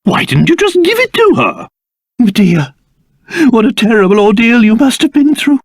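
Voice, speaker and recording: A man voicing an elderly, cursed little monster king in a video game, pompous, excitable and theatrical, with old-fashioned, blustering wording and a doting father's temper. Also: very high voice, moderate pace, no echo, studio quality, exaggerated voice. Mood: indignant, blustering, then sorrowful, remorseful.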